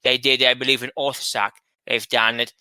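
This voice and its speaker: A man co-hosting a casual chat show, talking in a chatty way and quick to laugh. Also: mid-range voice, flat delivery, sharp tone, no echo. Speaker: podcast co-host.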